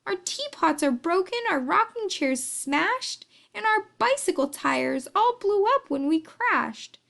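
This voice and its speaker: A woman's voice: very high voice, big pitch swings, slow, gravelly, fairly bright tone, exaggerated voice. A woman voicing a tiny, worried town mayor in a storybook, plaintive and pleading. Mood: distressed.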